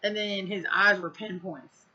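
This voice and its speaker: A woman's voice: medium pitch, steady tone, a little slow, pushed and bright, muffled recording. A woman telling a story in a casual vlog, blunt and profane, rambling with lots of fillers. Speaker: vlogger.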